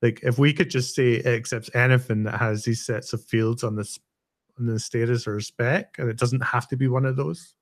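A man's voice: mid-range voice, steady tone, moderate pace. A man with a Scottish accent hosting a technical interview, asking long questions and thinking aloud with tags like "right?". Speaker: host. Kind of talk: technical interview on a live stream.

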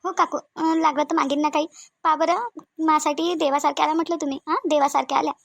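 A lonely young new mother speaks in a soft, hesitant Varhadi accent for a cartoon. Her voice sits high and moves quickly. The sound is dry and close. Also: little pitch movement, creaky, dry recording. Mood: sad. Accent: Varhadi Marathi. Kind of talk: cartoon voice acting.

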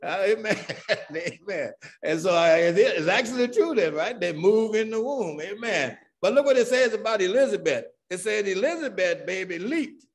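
Guy teaching sunday school, kinda higher voice, keeps going "what?" and answering himself, amen after every point. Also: lively intonation, moderate pace. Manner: chuckles now and then between points. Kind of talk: Bible study teaching.

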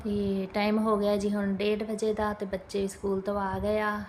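Chatty Punjabi woman vlogger, fairly even pitch. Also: moderate pace. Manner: chatty, homely, addressing viewers with polite tags. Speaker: family vlogger, mother. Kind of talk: casual home vlog narration. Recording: clear background noise, home ambience.

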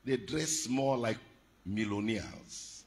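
A man preaching a sermon as pastor of a church, with a Nigerian accent, swinging from shouted peaks to hushed, quiet lines. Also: on the low side, takes it slowly.

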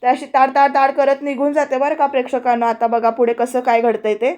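Woman, high voice, chatty serial recap voice-over. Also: little pitch movement, fairly quick, darkish tone. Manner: chatty, addresses viewers often. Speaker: serial review narrator.

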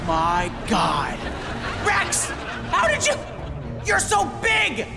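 A man's voice: extremely high pitch, huge pitch swings, very slow, creaky, long reverb tail, over music, a crowd in the background, full character voice. A young man playing a nervous, awkward teenage boy with a panicky, squealing delivery. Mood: panicked. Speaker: sitcom actor. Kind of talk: multi-camera sitcom acting. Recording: sitcom stage with studio audience laughter.

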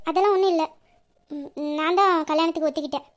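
A woman's voice: extremely high pitch, fast. A woman voicing a troubled young woman who speaks hesitantly and evasively about her marriage. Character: troubled young bride-to-be, secretly in love. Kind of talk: audio story reading.

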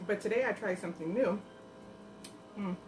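A woman's voice: mid-range voice, moderate pace, background noise. A woman vlogger chatting casually to viewers while eating, her mouth full of food and humming as she savors it. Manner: chatty, savoring, lots of hums. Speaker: mukbang vlogger.

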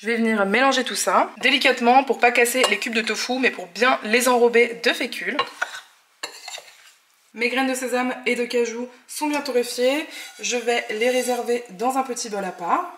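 A woman's voice: a little high, moderate pace, a bit bright. A woman hosting a cooking channel, narrating a recipe in a friendly, explanatory way and giving tips. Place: home kitchen. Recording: roomy echo, faint noise.

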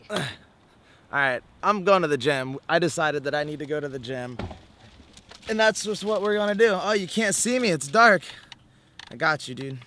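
A man's voice: on the high side, normal speed, long pauses, a little hiss or hum. Laid-back young man vlogging to camera. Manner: relaxed, joking, talks to camera. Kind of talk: casual vlog chat. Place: in a car and outdoors in a parking lot. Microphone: handheld camera at arm's length.

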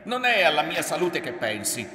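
A man reading aloud and voicing a bitter young war veteran with an explosive temper, who shouts accusations in a high, cracking voice. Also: normal speed, slight background noise, close to an everyday voice. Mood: furious shouting. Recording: roomy hall from far off.

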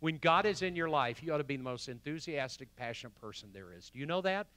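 A man preaching a sermon as the pastor in a church, swinging from loud emphasis to hushed quotes. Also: mid-range voice, animated, fast talker, dry recording. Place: church sanctuary.

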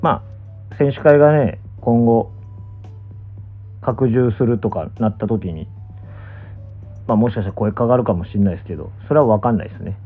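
Through muffled, phone-like audio with faint music behind, a young pro gamer and streamer speaks with a Kansai accent while lying down in a small room. His lowish voice is husky, moving at a normal pace but pausing often, as he muses hesitantly and trails off on a casual livestream.

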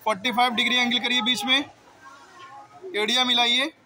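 A man's voice: very high voice, level tone, fairly quick, noisy background. A male school teacher explaining drill positions to students step by step, often checking if they understand. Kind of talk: classroom drill instruction.

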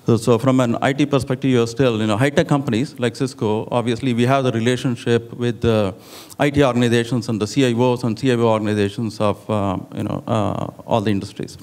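Measured man on a conference panel. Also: medium pitch, steady tone, darkish tone. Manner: measured, explanatory, hedges with "you know". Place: large conference hall stage. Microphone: handheld microphone.

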